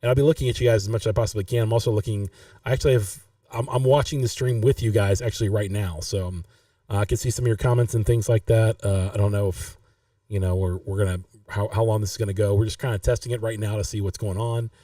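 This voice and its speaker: Man, podcast host, casual chat, rambling, warm dark tone, dry distant sound. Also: lowish voice, steady tone, fast talker, no room sound. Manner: rambling, restarts often. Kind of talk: casual live-stream chat.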